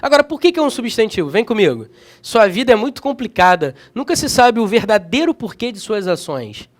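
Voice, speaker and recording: A man teaching a grammar lesson for exam preparation, energetic and often checking in with his students. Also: high voice, a little fast.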